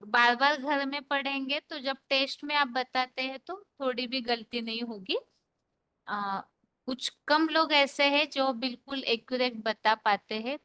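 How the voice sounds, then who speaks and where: A woman teaching an online scripture class, patiently explaining verses and reciting them slowly. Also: high-pitched, pushed and bright, clean tone, no echo.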